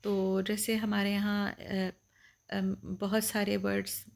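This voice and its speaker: A woman teacher, her voice carrying a gravelly edge. She lectures patiently, going over each point twice and slowing down to read English definitions aloud. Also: medium pitch, monotone, a little mellow. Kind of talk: explaining lecture.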